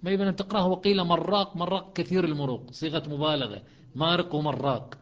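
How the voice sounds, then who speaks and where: A man with an Iraqi accent teaching a class on Quran recitation, patiently explaining and slowing down to recite verses. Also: fairly high pitch, expressive. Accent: Iraqi Arabic. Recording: dull lo-fi recording.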